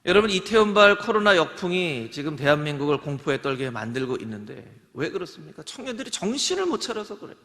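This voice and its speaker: A male pastor preaching a sermon, acting out shouted commands and dropping to soft asides. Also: a little high, big pitch swings, fast talker, few pauses, in a large hall. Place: church sanctuary.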